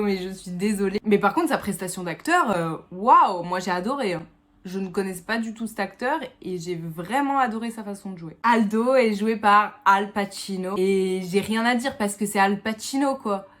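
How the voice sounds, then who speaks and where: A woman's voice: mid-range voice, a bit bright. Chatty French woman reviewing a film. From France. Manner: chatty, mixes in English words. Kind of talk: casual spoken film review.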